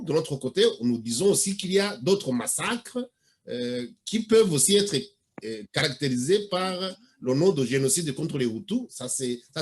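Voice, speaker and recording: A man of Rwandan origin hosts a radio interview, cutting in politely but firmly to set the record straight. His voice is somewhat husky and sits a touch high. He speaks in a measured, deliberate way. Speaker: radio host.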